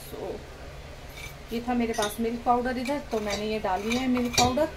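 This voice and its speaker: A woman's voice: fairly high pitch, fairly even intonation, moderate pace. Chatty woman vlogging from her kitchen. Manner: chatty, step-by-step, addresses viewers directly. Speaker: cooking vlogger. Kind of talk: casual cooking vlog narration. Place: home kitchen, indoors. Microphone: phone camera held nearby. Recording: home phone video with clear background noise.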